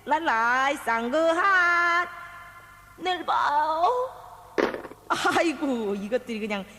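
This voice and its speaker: A woman's voice: high-pitched, lively intonation, slow, pushed and bright. A woman with a playing a brash, nagging wife in a staged comedy sketch. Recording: reverberant tape recording with faint music.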